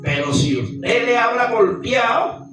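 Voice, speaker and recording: A man's voice: extremely high pitch, big pitch swings, slow. A man preaching a sermon with emphasis, often asking his listeners questions. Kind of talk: sermon with congregation exchange. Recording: echoey room, far from the mic, music behind.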